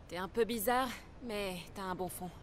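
A woman's voice: mid-range voice, normal speed, slight background noise, lightly acted. A woman acting a proud, guarded young street woman in a naturalistic French video game dub. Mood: grateful.

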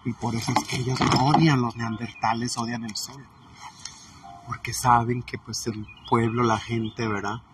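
A brash, gossipy woman, put on by a man with a Mexican accent rambles through a comedic monologue. She chats on, swears freely and drops her sentences halfway. The voice sits at an ordinary pitch and comes from a mic set well back, with clear background noise in the room. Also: flat delivery, measured pace, close to an everyday voice. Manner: rambling, chatty, swears, trails off mid-sentence. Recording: distant mic with noisy ambience.

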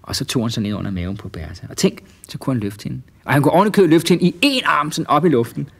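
A man narrating a children's story in a relaxed, lively way with small hesitations. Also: mid-range voice, gravelly, breathy edge.

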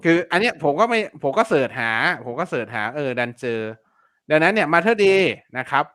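A man's voice: on the high side, very animated, brisk, fairly bright tone, dry recording. A man teaching online selling in a casual live-stream lesson, chatty and repetitive, full of fillers and polite particles. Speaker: online seller teaching keyword research.

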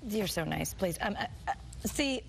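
A woman's voice: mid-range voice, lively intonation, moderate pace, vocal fry, background noise. A woman in her thirties co-hosting a TV cooking segment in a studio kitchen, chatting in a bubbly way and laughing often. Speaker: TV talk show co-host. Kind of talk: casual studio chat.

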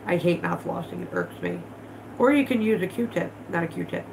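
Her voice is fairly low, with vocal fry and a normal speed: a woman in her thirties, stuffed up from allergies, hosting a casual vlog livestream in her living room at home. She swears freely and talks bluntly while working with her hands, and the background is noisy.

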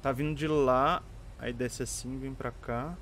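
A man's voice: medium pitch, steady tone, unhurried, fairly bright tone, a little hiss or hum. A young Brazilian man giving casual live commentary on a horror game, jumpy, exclaiming and swearing like a scared streamer. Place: indoor room, streaming webcam setup.

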